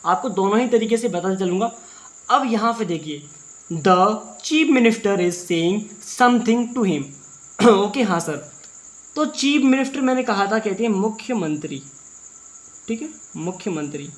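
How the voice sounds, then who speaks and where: A man with an Indian accent teaching English through Hindi, reading English sentences slowly word by word and explaining each word again and again. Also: high voice, lively intonation.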